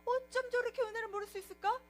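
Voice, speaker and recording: A woman's voice: very high voice, steady tone, racing, music in the background, pitched above the performer's own voice. A woman voicing shocked villagers in a storybook tale who react with indignant disbelief.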